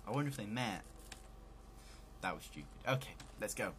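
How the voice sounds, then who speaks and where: A man's voice: lowish voice, animated, a little fast, noisy background. A man hosting a let's play, giving casual, joking commentary on a video game.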